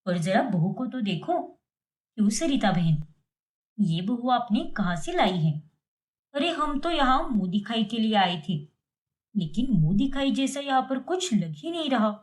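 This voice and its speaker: A woman's voice: a little high, big pitch swings, a little slow, pitched below the performer's own voice. Woman doing a snide gossiping neighbor. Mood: mocking. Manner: sarcastic, taunting.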